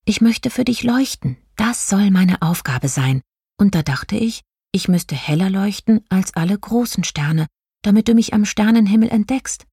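A woman voicing a small, shy male star in a children's story, speaking softly and partly in a whisper. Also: medium pitch, animated, moderate pace, breathy edge, no room sound, studio quality, voice pushed up. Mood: soft, earnest. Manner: soft, half-whispered. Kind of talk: audiobook character voice.

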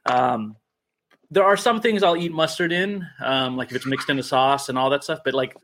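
A man's voice: medium pitch, moderate pace, a bit bright, slight background noise. A man, a priest hosting a casual group livestream, talks in a rambling, playful way and often corrects himself mid-sentence.

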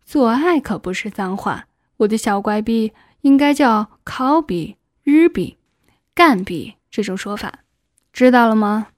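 Woman doing a pushy middle-aged official guy, coaxing, breathy, kinda high, dry close sound. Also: animated, unhurried, no echo. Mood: lewd coaxing. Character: lustful male official, middle-aged, domineering.

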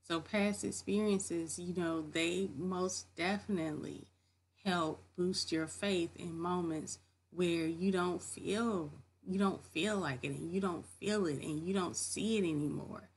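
Woman faith vlogger, lowish voice, casual, encouraging, records from a home office. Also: fairly even intonation, unhurried, slight background noise. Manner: earnest, encouraging, repeats key phrases. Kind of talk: casual motivational talk to camera.

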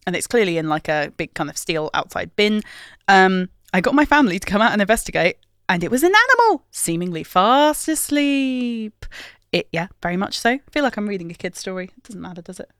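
A woman's voice: fairly low pitch, fast, no room sound, studio quality. A woman co-hosting a podcast, chatting casually, reading tweets aloud with giggles. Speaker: podcast co-host. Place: home room at night.

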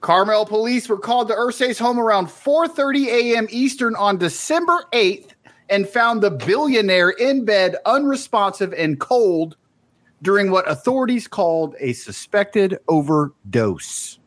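A man with a noticeably high voice co-hosts a casual chat podcast. He reads out a news item in a relaxed, conversational way. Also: measured pace. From Alabama. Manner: reads news items aloud, eating dinner during the show. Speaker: podcast co-host.

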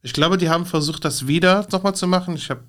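A man's voice: high-pitched, fast, fairly bright tone. Young man, teasing casual talk. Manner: teasing, joking, hesitant with fillers. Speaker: stand-up comedian. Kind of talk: casual podcast chat.

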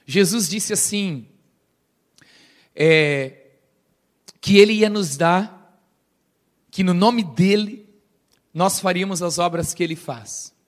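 A middle-aged Brazilian pastor delivers a lively sermon in a church, his voice sitting high for a man. He is animated and playful, slipping into quick impressions of other people as he preaches. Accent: Brazilian Portuguese. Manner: animated, playful, acts out quoted voices and laughs.

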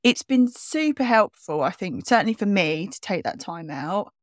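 A woman co-hosting a podcast in casual, self-mocking chat, with a croaky morning voice. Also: medium pitch, lively intonation, no echo, studio quality. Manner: chatty, self-mocking, quick restarts. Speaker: podcast co-host.

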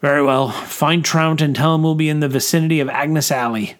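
A man's voice: on the high side, steady tone, fairly quick, pitched above the performer's own voice, natural voice. A man voicing a battle-scarred major who gives firm, clipped orders. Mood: brisk. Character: battle-scarred male major, commanding and decisive. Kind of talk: audiobook character voice.

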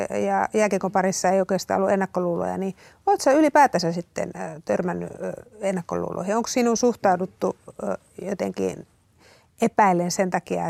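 Gravelly-voiced female interviewer. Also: mid-range voice, a little mellow, no room sound. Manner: hesitant questions with fillers. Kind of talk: interview questions.

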